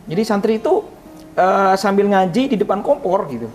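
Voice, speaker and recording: A man's voice: expressive, moderate pace, faint music behind. Earnest man telling an emotional story. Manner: earnest storyteller, voice rising high when recalling prayers. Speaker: ustadz guest. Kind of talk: emotional personal story in an interview.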